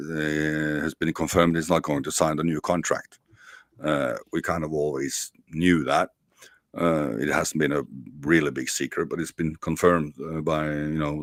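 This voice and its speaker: A man's voice: a bass voice, dry recording, clean studio sound. A man hosting a casual football chat, asking long questions with many hesitations. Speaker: podcast host.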